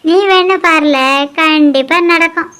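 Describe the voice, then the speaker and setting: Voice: very high-pitched, fairly even intonation, unhurried, fairly bright tone. Someone voicing a bossy nosy village granny. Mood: prying. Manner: scolding, prying, lecturing. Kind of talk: cartoon voice acting.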